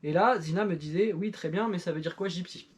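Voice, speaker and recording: A middle-aged woman, a YouTuber and parent, reviews an old record with her child in a casual chat, being playful and self-mocking and using lots of fillers. Her voice is on the low side and brisk, with slight background noise.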